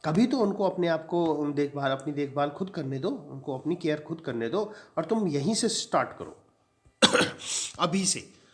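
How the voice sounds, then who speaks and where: A male teacher voicing a bold, domineering middle-aged woman who smokes, speaking forcefully and insistently. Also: on the high side, expressive, measured pace, voice pushed up. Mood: commanding.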